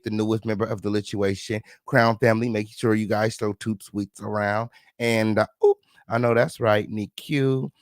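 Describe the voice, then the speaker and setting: A man hosting a celebrity gossip livestream, sassy and flamboyant, full of loud catchphrases, profanity and high, squealing laughs. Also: no room sound, clean studio sound. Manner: frequent high-pitched laughing outbursts. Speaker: gossip show host. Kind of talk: casual livestream commentary.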